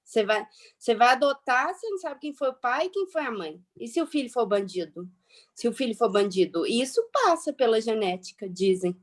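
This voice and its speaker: A woman's voice: fairly high pitch, animated, a little fast. A woman acting a flustered, self-righteous middle-class matron in a hammy dramatic reading, theatrical and emphatic, repeating herself as she rambles. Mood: defensive. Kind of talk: dramatic reading, satirical monologue.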